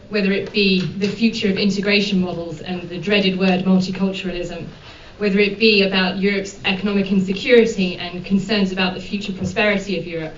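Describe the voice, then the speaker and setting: A woman moderator opens an event with formal introductions, pausing often on ums and uhs. She sounds set back from the microphone in a reverberant room. The recording is dull, with a faint hiss underneath. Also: medium pitch. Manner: measured, with frequent ums and uhs. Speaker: panel moderator. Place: conference room. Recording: dull, echoey hall from far off.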